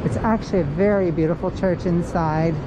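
A woman giving a walking tour outdoors on city streets, making brief, unhurried remarks about the buildings she passes, recorded on a body-worn action camera. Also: fairly low pitch, steady tone. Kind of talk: casual tour narration. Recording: loud street traffic noise.

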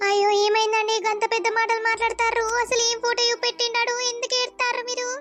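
A woman's voice: extremely high pitch, completely flat delivery, fast talker, a bit bright, soft background music. A woman voicing an anxious middle-aged village mother, pleading and questioning.

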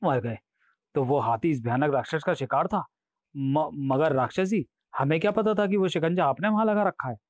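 A man's voice: a little high, moderate pace, dry recording, lo-fi sound, close to an everyday voice. A man voicing a cunning, cheeky courtier in a comic audiobook, full of mocking quips and nervous asides. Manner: wisecracking and sly, mocking quips. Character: cunning, cheeky male courtier, sly and cowardly.

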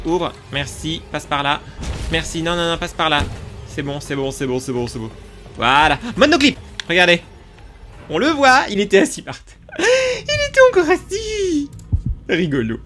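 A man giving excitable let's play commentary, talking to his viewers as he plays, with sudden yelps. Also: measured pace, soft background music. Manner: excitable, talks to viewers while playing; sudden yelps and jumps in pitch. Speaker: gaming YouTuber.

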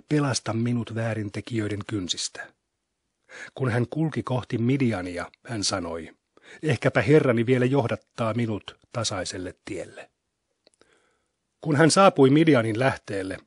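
Husky-voiced man reading scripture solemnly. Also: medium pitch, no echo, studio quality. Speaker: scripture reader.

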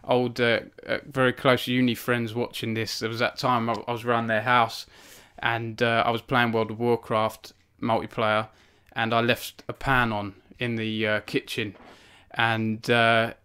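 A young man hosts a relaxed book launch stream from his home cabin, rambling with fillers and self-deprecating asides. His mid-range voice is monotone, sharp and clean. He keeps a measured pace with few pauses.

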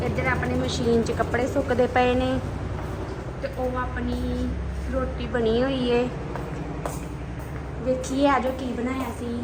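A woman's voice: a little high, background noise. A woman chatting casually as she films a daily vlog, showing viewers around a rural home and garden. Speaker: vlogger.

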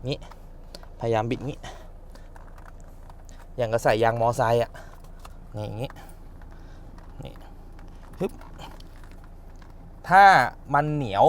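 A man's voice: mid-range voice, slow, long pauses, a little hiss or hum. A man working as a car mechanic hosts a casual how-to video, chatting and grunting with effort as he works. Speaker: car mechanic and channel host.

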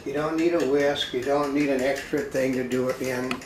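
A talkative man offers cooking tips from just off camera in a home kitchen. His mid-pitched voice carries a roomy echo, with steady background noise beneath it. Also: moderate pace. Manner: talkative, instructive, addresses viewers as folks. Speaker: cooking show co-host. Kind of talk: casual cooking demonstration.

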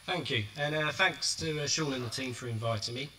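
A man's voice: medium pitch, fairly quick, sharp tone, poor audio. A man with a South East London accent giving a conference talk as a consultant nurse. He speaks in a chatty way and drops in joking asides. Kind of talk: conference presentation. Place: conference venue.

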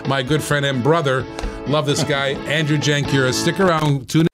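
A man hosting a talk show, pitching gadgets as an animated salesman who keeps repeating phrases and prices. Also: moderate pace, over music. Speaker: host.

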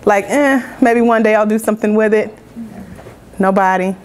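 A middle-aged woman from Georgia in the United States, a motivational speaker and business coach, gives an upbeat, interactive, informal talk to a small audience in an indoor room. Her voice is medium-pitched and darkish at normal speed. The audio is poor, with slight background noise.

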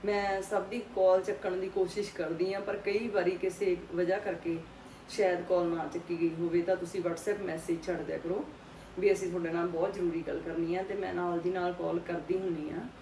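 A woman's voice: fairly low pitch, little pitch movement, a little fast, slight background noise. Sorrowful middle-aged woman vlogger. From Punjab. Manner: soft, sorrowful, consoling, with many tag questions. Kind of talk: casual heartfelt talk to viewers.

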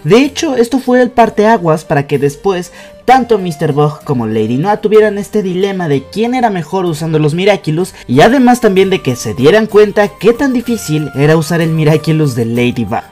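A young man with a Mexican accent hosts a YouTube video, reading scripted fan commentary with emphasis and enthusiasm. His voice is fairly high and slightly mellow, recorded as a voice-over with music underneath.

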